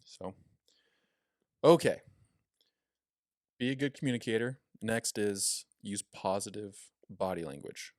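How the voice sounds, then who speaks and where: Chatty low-voiced young man. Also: slow, pauses often, dry recording, clean studio sound. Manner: chatty, filler-heavy, demonstrates voice tones. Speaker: podcast co-host. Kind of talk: casual podcast chat.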